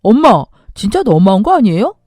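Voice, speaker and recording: An angry grown son confronts his mother in a storytelling radio episode, as a woman reader acts him out. His voice is loud and accusing and swings up and down a lot. The sound is dry and close. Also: extremely high pitch, animated, brisk, dry recording. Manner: raised, accusing voice.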